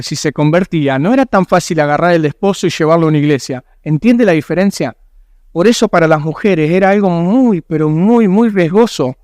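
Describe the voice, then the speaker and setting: A man's voice: a little high, a little mellow, no echo, clean studio sound. Emphatic Rioplatense man preaching a sermon. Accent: Rioplatense Spanish. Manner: earnest, emphatic preaching with rhetorical questions. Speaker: pastor. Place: church.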